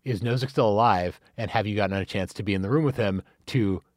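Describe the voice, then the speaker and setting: A man's voice: lowish voice, quick pace, no room sound, clean studio sound. A man hosting a podcast, asking questions in a casual, joking way. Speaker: podcast host. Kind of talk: casual interview conversation.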